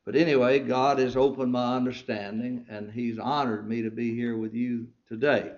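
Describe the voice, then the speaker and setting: A man preaching a sermon with fervent delivery, repeating words and trailing off softly. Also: mid-range voice, steady tone, moderate pace, dull audio. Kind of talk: sermon to ministers.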